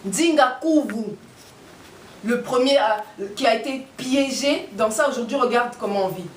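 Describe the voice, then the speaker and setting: Fiery high-voiced woman in an echoey room. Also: measured pace, recorded from a distance, slight background noise. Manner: fiery, rhetorical questions, emphatic repetition. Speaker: activist speaker. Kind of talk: impassioned political and spiritual monologue.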